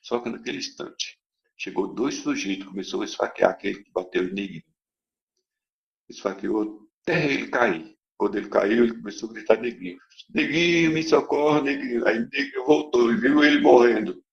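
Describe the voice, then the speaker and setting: A man's voice: fairly low pitch, brisk, gravelly. A man giving a testimony to a congregation, telling a story in a dramatic, emphatic way. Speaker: church member giving testimony. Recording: dull lo-fi recording.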